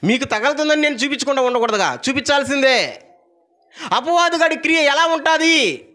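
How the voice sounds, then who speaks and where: A male pastor preaching a sermon at a church service, urging the congregation to repeat verses aloud and swinging between loud emphatic lines and low asides. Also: expressive, a little fast.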